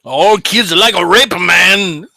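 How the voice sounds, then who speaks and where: A man's voice: high voice, slow, creaky, sharp tone, heavily acted. A man putting on a strict, scolding immigrant father with a mock Japanese accent in broken English.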